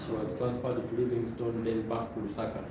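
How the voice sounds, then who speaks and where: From Luapula in Zambia, this male trainer instructs a live room in a motivational seminar on presentation skills, his medium-pitched voice monotone and a little fast. He's directive, repeats phrases and checks in with his listeners. The indoor training room has a stage, and the sound is very echoey, noisy and picked up from a distant mic.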